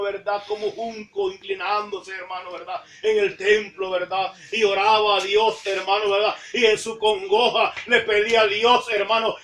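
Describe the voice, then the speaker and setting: A woman preaching a sermon in a church, fervent, tagging nearly every phrase with a call to the congregation and rising to shouts at the high points. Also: reverberant, far from the mic. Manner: fervent, repeats "hermano, ¿verdad?" after nearly every phrase; rises to shouting at emphatic points.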